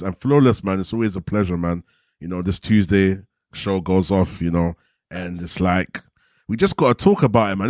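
Deep-voiced man, dry mic. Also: dry recording. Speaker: guest football content creator. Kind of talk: casual slangy chat.

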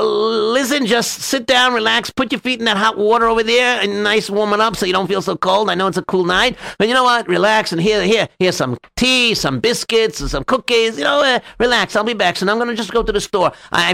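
A flustered, trusting young man, as a storyteller puts him on stammers with many ums and uhs in a raised, bright voice. The sound is close and dry, with some gravel. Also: sits high, brisk, few pauses, dry recording, pitched above the performer's own voice, full character voice. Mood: kindly. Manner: stammering, hesitant.

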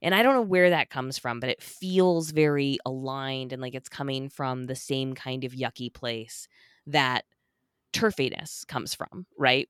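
A woman's voice: extremely low pitch, clear, resonant tone, dry recording, clean studio sound. A woman guest on a podcast interview, talking animatedly and emphatically, often checking in with "right?". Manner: animated, emphatic, keeps tagging points with "right?". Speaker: guest, sex worker rights advocate.

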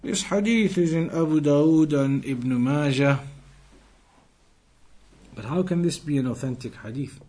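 An Islamic teacher with an ordinary mid-range voice leads a classroom lesson on religious texts. He works through them line by line, puts rhetorical questions to his students, and switches into rapid, fluent Arabic for quotations.

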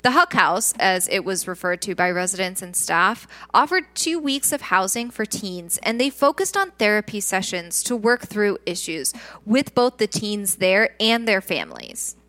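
A woman's voice: mid-range voice, sing-song, moderate pace, few pauses, pushed and bright. A woman hosting a true crime podcast, reading scripted narration about criminal cases.

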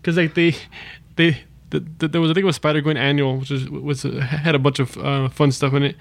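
A man co-hosting a casual podcast chat, telling things in a halting, excited, giggly way. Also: on the high side, gravelly. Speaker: podcast co-host. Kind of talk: casual chat about comic books.

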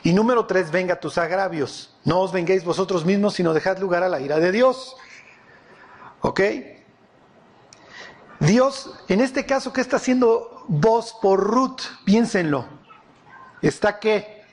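A man preaching a sermon, animated and often quizzing his audience with questions. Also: high voice, measured pace, pauses often.

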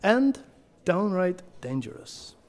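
Guy as snooty stern doctor in audio drama, bit high but mellow, indignant n formal. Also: big pitch swings, slow, full character voice. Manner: haughty, indignant, clipped formal speech. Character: stern, disdainful male doctor on review boards. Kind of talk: scripted comedy-horror audio drama.

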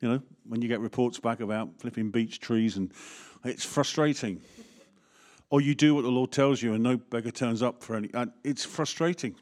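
A man's voice: medium pitch, moderate pace, darkish tone. A man, a vicar preaching a sermon in a candid, conversational way with jokes and asides.

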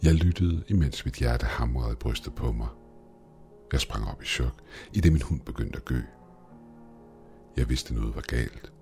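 A man's voice: a bass voice, animated, long pauses, darkish tone. A man narrating a first-person horror story in a tense, scripted storytelling manner. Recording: faint background music.

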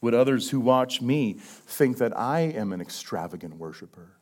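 Pastor preaching with big dramatic swings. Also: male voice, medium pitch, expressive, normal speed. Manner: dramatic swings between loud emphasis and hushed questions; repetitive rhetorical questions, frequent "right?". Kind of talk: sermon.

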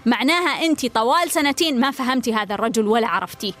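A woman's voice: on the high side, lively intonation, very fast, fairly bright tone, faint music behind. A woman giving relationship advice, blunt and direct, firing repeated pointed questions.

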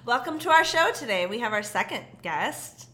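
A woman co-hosting a comedy talk show, announcing segments in an unhurried way. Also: a little high, sing-song, bright, forceful tone, roomy sound. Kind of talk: improvised comedy chat.

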